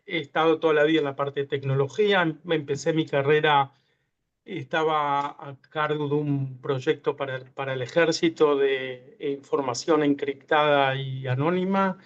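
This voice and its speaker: A man's voice: fairly high pitch, steady tone, normal speed, smooth. A man from Uruguay, a tech entrepreneur guest speaking hesitantly with many fillers and restarts in an online interview. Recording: muffled lo-fi video call audio.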